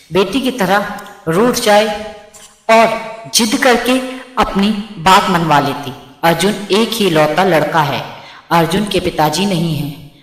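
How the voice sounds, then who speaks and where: A woman narrating a moral storybook tale in a steady, even manner. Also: on the low side. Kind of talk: scripted narration. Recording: roomy with long reverb.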